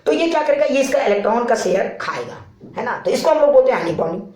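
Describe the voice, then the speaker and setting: A man's voice: extremely high pitch, sing-song, fast, darkish tone. A male physics teacher giving a casual classroom lecture, explaining with playful analogies and often checking that students follow. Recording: very echoey room.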